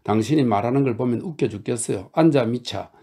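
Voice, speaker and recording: A man reading a novel aloud, voicing a fiery, jealous young woman who scolds and coaxes in a raised, gravelly voice. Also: mid-range voice, fairly quick, dark tone. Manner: scolding, coaxing, insistent. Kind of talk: audiobook character reading.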